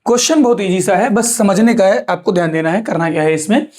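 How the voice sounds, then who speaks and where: A man's voice: sits high, fast talker, darkish tone. A young man with an Indian English accent, a teacher going step by step through exam sums, often putting a question to the class and answering it himself. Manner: explains step by step, asks and answers his own questions. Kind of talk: exam revision lesson.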